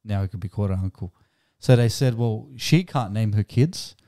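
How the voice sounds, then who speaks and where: A man chatting casually and telling jokes with a halting, conversational delivery. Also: on the low side, warm tone, dry recording, studio quality. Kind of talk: casual chat and joke telling.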